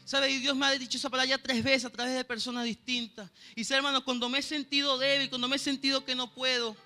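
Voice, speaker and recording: A church pianist with a Venezuelan Spanish accent preaches a sermon and shares a personal testimony, his voice very high, flat and quick with a sharp tone. He speaks earnestly and keeps stopping to ask "¿sabe, hermano?" to check that his listeners know. Faint music plays behind him.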